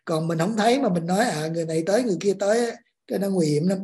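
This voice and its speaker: A woman calmly explaining spiritual practice. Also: medium pitch, very fast. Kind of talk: religious discussion.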